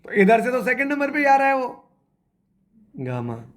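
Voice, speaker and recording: A man's voice: very high-pitched, sing-song, moderate pace, a bit bright. A man teaching a chemistry class, quizzing the students and repeating their answers as he spells out structures step by step. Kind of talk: classroom lecture.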